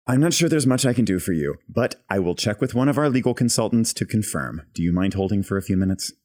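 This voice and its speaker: An actor playing a calm, scripted call center agent who answers in deadpan tones. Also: male voice, lowish voice, fast talker, no echo, clean studio sound.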